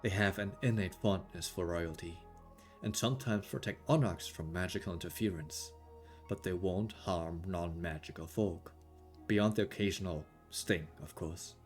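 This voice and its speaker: A man voicing a stern, aloof male storm wizard who makes measured, solemn pronouncements. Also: low voice, soft background music, close to an everyday voice.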